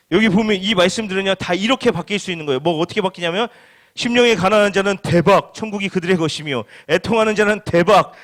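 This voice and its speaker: High-voiced man preaching conversationally. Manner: conversational preaching, asks the listeners questions; acts out everyday reactions in quick quoted asides. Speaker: pastor. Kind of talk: sermon to a church youth group.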